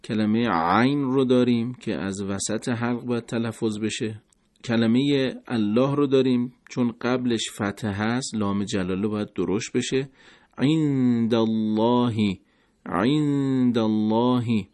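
A man with a Persian accent teaching Quranic pronunciation, patiently explaining each letter and slowly modeling the Arabic words. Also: medium pitch, darkish tone. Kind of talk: tajwid lesson explaining letter articulation.

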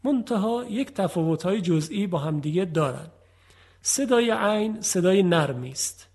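A man teaching Quranic letter pronunciation in a formal televised lesson, explaining patiently and drawing out example words slowly. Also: high-pitched, lively intonation, darkish tone, slightly rough. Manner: formal, patient explaining with slow drawn-out demonstrations.

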